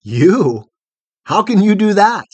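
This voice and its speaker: A man's voice: fairly high pitch, expressive, normal speed, breathy edge, no room sound. A man playing a weak, frightened young man who pleads anxiously for protection. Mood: fearful.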